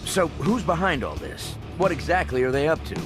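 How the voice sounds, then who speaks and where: A man's voice: fairly high pitch, big pitch swings, normal speed. An American man playing a flippant, self-assured rich superhero with a sardonic delivery in a video game cutscene. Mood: sardonic, glib. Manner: sardonic, glib. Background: cinematic game music.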